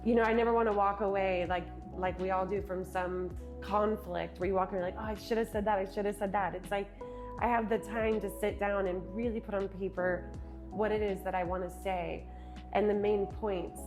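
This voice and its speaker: A woman's voice: mid-range voice, steady tone. Woman, interview guest, earnest reflective talk, laughs easily, faint background music. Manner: earnest, with quick and slow stretches, laughs easily. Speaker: guest, keynote speaker and retreat host.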